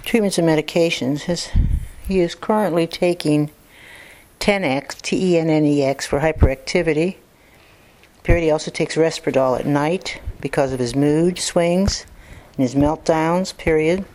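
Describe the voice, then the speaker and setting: A clinician dictating a report, speaking punctuation marks aloud and spelling out names, steady and matter-of-fact with occasional fillers. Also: mid-range voice, moderate pace, low-quality recording.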